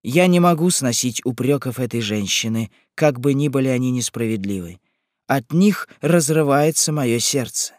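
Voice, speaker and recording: A man reading an audiobook, voicing a gentle, dignified queen who pleads softly. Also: medium pitch, animated, moderate pace, no room sound, studio quality, lightly acted. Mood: pleading. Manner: soft, pleading, restrained. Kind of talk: audiobook character voice.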